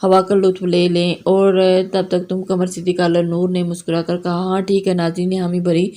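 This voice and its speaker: A woman reads a novel aloud in a measured, unhurried way. Her voice is low-pitched and stays flat, with very little melody. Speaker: novel reader. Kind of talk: storybook narration.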